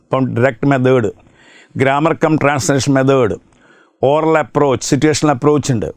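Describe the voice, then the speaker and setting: A man with a Malayali accent teaching an exam prep lecture, dictating points slowly and then explaining fast, asking questions and answering them himself. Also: mid-range voice, clean tone, no echo, studio quality. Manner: switches between slow dictated English points and rapid explanation.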